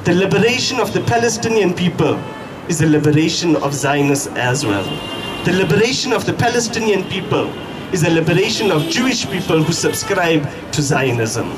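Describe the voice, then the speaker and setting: A South African man giving a fiery political speech at a protest, speaking in emphatic, deliberate phrases with repetition. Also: high-pitched, big pitch swings. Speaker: activist speaker at a protest rally. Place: outdoor protest. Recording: distant mic, noisy outdoor street ambience.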